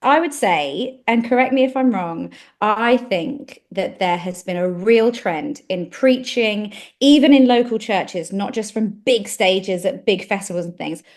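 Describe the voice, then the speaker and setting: A woman's voice: medium pitch, unhurried, few pauses. A woman co-hosting a podcast, chatting casually and earnestly with frequent fillers and restarts. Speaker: podcast co-host. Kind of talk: casual chat.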